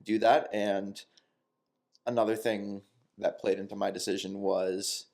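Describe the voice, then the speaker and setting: A man in his twenties chats casually on a podcast about moving to a new city. His lowish voice has vocal fry and an unhurried pace, and he sounds relaxed and reflective, sometimes restarting and laughing.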